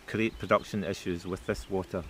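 A middle-aged man talks as a tour guide in a slightly deep voice. He is recorded outdoors on location, with noticeable ambient noise behind him. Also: steady tone, normal speed. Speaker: distillery guide. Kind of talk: explanatory tour talk. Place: outdoors by a dam and pond.

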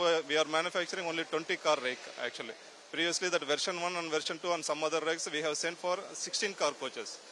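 A middle-aged man, a factory official, answering interview questions haltingly with many fillers, into a handheld mic indoors at a factory. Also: on the high side, bright, forceful tone, slight background noise. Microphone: handheld mic held to him.

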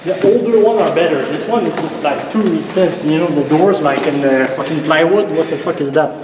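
A slightly high-voiced man chats casually in a halting, repetitive, sweary way. His voice rings heavily through a big empty church with clear noise behind it. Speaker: fellow explorer. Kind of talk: casual chat. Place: dark abandoned church interior. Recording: very echoey large empty church, noisy.

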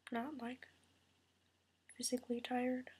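A young woman speaks in a soft, breathy whisper at home late at night, worn out and upset. Her voice sits a little high and barely moves in pitch. She wanders through her thoughts with lots of fillers, and a retainer is in her mouth. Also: completely flat delivery, takes it slowly. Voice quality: wears a retainer. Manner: hushed whisper, rambling with many fillers. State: tired and upset. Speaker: vlogger.

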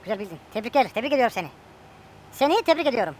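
A woman's voice: on the high side, very animated, rapid-fire, a little mellow, a little hiss or hum. A woman chatting casually and joking with a friend while playing a farming game. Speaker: gameplay streamer.

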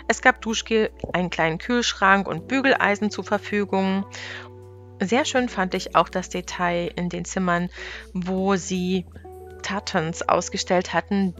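She's a travel vlogger voicing over her family's trip, recorded apart from the footage, and her voice sits on the low side with a fairly bright tone. The delivery is scripted and chatty, matter-of-fact, with little restarts along the way.

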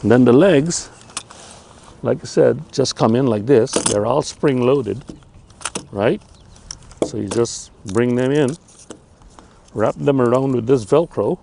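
An older man casually reviewing a camping chair outdoors by a lake on a lapel mic, talking in a relaxed, rambling way with lots of fillers. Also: mid-range voice, slow, vocal fry, pauses often, slight background noise. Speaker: gear reviewer.

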